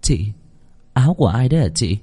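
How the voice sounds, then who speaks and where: A man's voice: medium pitch, very animated, fairly quick, dark tone, slightly rough. A man voicing a meek young village woman who speaks politely and deferentially.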